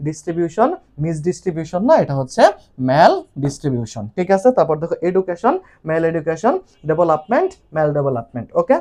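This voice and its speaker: In this class lecture, a male English teacher runs through lists of word pairs at speed and keeps checking on his students. His voice is slightly high and dark in tone, with big swings in pitch.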